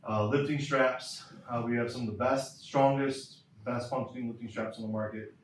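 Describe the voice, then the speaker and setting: A man's voice: medium pitch, fairly even intonation, moderate pace, far from the mic, slight background noise. A man coaching throwers in a clinic lecture, emphatic and repeating key points, in a lecture hall. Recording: roomy lecture hall from afar.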